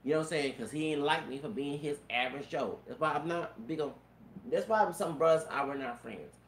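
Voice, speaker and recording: Speaking a little fast at a fairly high pitch, a man in his thirties whose voice sounds feminine wanders through a personal anecdote. Profanity, stammered restarts, and repeated "you know what I'm saying" mark his delivery, captured in an echoey room with faint background noise.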